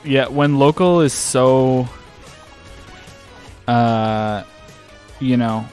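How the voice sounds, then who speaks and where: A man's voice: mid-range voice, drawn-out words, soft background music. A man co-hosting a podcast, chatting casually and often restarting his phrases. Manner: relaxed, self-correcting, restarts phrases. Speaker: podcast co-host. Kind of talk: casual reaction chat.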